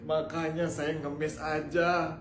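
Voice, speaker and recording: Man doing a comedy skit, kinda high voice, begging and emotional, roomy echo with music going. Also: level tone, slow. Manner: pleading, emotional comic acting. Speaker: sketch comedy performer. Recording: echoey room with music behind.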